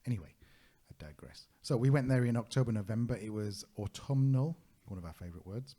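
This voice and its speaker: Deep, husky man telling stories. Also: animated, fairly quick, mellow. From United Kingdom. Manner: rambling anecdotal storyteller, many fillers. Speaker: travel podcast co-host. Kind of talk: casual podcast chat.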